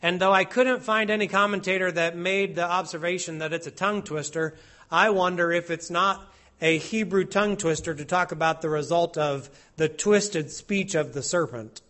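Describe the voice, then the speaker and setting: A man preaching an expository sermon, slow and deliberate, stressing each word as he reads out Hebrew and Latin phrases. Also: high-pitched, bright, forceful tone.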